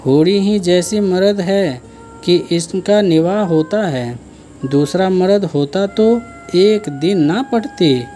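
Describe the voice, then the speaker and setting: Male reader doing a gossipy shopkeeper lady in a storybook, goading, slow. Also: sits high, dark tone, soft background music. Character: gossiping village shopkeeper woman.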